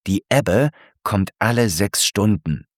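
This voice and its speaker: A man voicing a patient, knowledgeable male zebra who gently explains things to his friend in a storybook. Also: lowish voice, expressive, takes it slowly, no room sound, studio quality. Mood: explaining. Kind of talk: storybook character voice.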